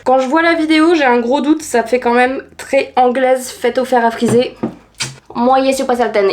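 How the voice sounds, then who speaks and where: A woman's voice: fairly high pitch, a little mellow. A woman chatting casually in a home beauty vlog, blunt and slangy, poking fun at herself as she tests tips in a hot room. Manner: blunt, slangy and self-mocking. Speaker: beauty vlogger testing tips.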